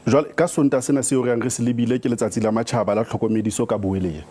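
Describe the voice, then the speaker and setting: Fast, mellow male news anchor with Sotho accent. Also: mid-range voice, fairly even intonation. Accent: Sotho, South African. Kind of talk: broadcast news presenting.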